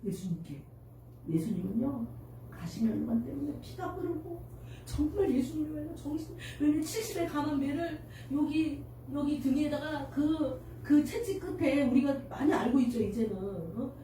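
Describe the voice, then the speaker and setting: Woman pastor, high voice, heartfelt sermon, miked from afar in a reverberant church. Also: lively intonation, normal speed, mellow, a little hiss or hum. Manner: emotional, tearful at moments, addresses congregation with questions. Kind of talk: sermon to children. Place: church sanctuary. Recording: echoey church hall from far off.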